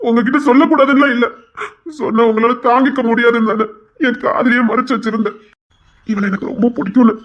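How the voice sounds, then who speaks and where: A man's voice: very high-pitched, highs cut off. A young man acting a pleading, apologetic lover in an audio drama.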